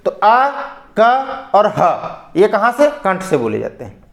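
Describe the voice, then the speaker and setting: High-voiced male teacher in an echoey room. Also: huge pitch swings, slow, gravelly. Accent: Hindi. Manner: explanatory, repeats "ठीक है" and asks and answers his own questions. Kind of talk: exam-prep grammar lesson.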